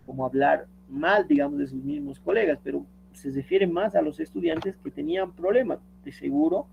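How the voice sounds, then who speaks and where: Gravelly man explaining step by step. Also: fairly high pitch, sing-song, normal speed, muffled recording, a little hiss or hum. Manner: explains step by step, reads quotes aloud, many fillers and checks ("¿no?"). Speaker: teacher. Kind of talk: screen-share tutorial lecture.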